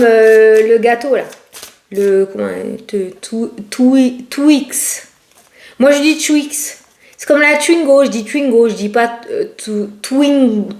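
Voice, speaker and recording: A woman's voice: fairly high pitch, a little mellow. A woman doing a casual, rambling tarot reading who laughs often and speaks with a regional French accent. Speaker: tarot card reader. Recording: echoey room.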